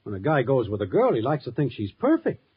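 Casting: brash slangy wise guy, wildly animated pitch, radio comedy, muffled old recording. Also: quick pace, breathy edge, exaggerated voice. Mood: brash, teasing. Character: cocky, slangy boyfriend, self-centred wise guy. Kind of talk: old radio sitcom acting.

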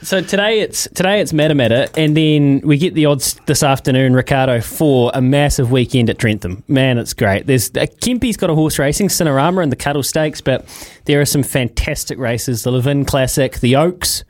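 A man's voice: medium pitch, normal speed. A man delivers a racing update on the radio. He is informal and jokey, chatting through tips like banter. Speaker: horse racing correspondent.

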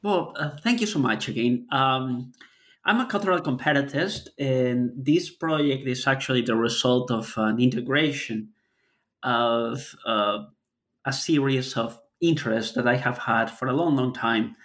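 A man's voice: mid-range voice, unhurried. A man from Peru, a scholar giving a thoughtful interview and searching for words as he explains his work. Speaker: author, academic guest. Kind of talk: podcast interview.

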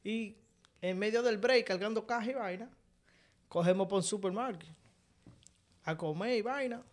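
A podcast co-host with a Dominican Spanish accent tells funny stories in a casual chat, laughing as he goes. His voice sits high and he talks at a moderate pace, staying animated throughout this comic storytelling.

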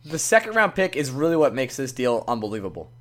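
A man with a raspy, hoarse, nearly gone voice, co-hosting a casual sports podcast in an informal, self-deprecating way. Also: medium pitch, big pitch swings, fast, fairly bright tone. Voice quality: raspy, strained voice. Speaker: podcast co-host.

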